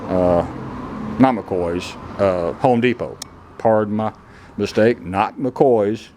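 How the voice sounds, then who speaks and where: A man's voice: fairly low pitch, slow, a little mellow, slight background noise. A man on a casual DIY vlog, talking bluntly with plain rural slang while showing off a concrete floor in an old kennel building. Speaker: DIY vlogger.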